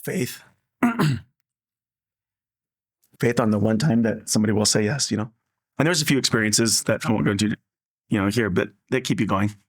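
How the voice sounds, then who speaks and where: A man's voice: lowish voice, normal speed, pauses often. A man sharing an earnest personal faith story in an interview, acting out the dialogue as he tells it.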